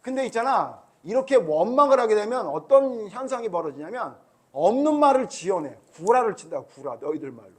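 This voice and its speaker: A man with a high voice preaches a Sunday school sermon to children. He tells the story in an animated way and keeps quizzing the kids as he goes. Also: fairly quick, breathy edge. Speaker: pastor.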